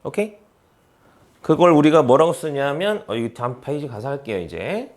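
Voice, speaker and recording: A man's voice: a little high, sing-song, moderate pace. A man teaching a math class, repeating key terms and constantly checking understanding with rhetorical questions he answers himself. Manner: answers his own questions, teasing students who skipped class.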